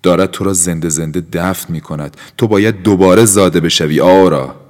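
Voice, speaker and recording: A man's voice: sits low, a little mellow. A man playing an urgent, pleading young man. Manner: raised, insistent, pressing questions. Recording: long hall-like reverb.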